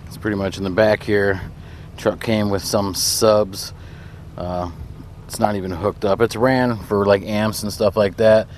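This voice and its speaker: A young man from Wisconsin chats casually outdoors next to his pickup, in a fairly low voice. He rambles with plenty of fillers, recorded on a handheld phone with faint outdoor noise behind him. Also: fairly even intonation, unhurried. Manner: laid-back, rambling, lots of fillers. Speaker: vlogger showing his truck. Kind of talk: casual walkaround vlog. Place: outdoors beside a pickup truck.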